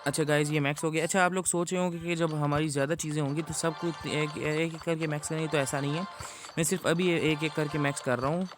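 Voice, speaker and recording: A man's voice: fairly high pitch, steady tone, quick pace, soft background music. A man giving chatty, casual gameplay commentary to his viewers. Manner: chatty, addresses viewers as guys. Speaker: gaming YouTuber.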